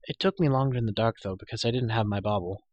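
A man with a voice on the low side, darkish and natural, talks fast while performing a storybook character: a chatty, bossy young girl of royal birth. He has her prattle matter-of-factly and scold with indignation.

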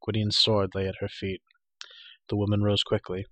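A man reads a fantasy audiobook in a steady, dramatic way. His voice is low but bright and forceful, with occasional slips. It is recorded close and dry. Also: normal speed, dry recording. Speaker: narrator. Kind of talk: audiobook reading.

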